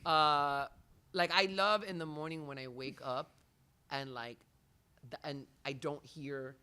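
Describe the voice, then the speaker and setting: A man's voice: on the high side, slow, smooth. A man from the Miami area chatting casually on a podcast, telling stories animatedly with lots of swearing and laughter. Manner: animated, profane, laughing storyteller. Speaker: comedian, podcast guest.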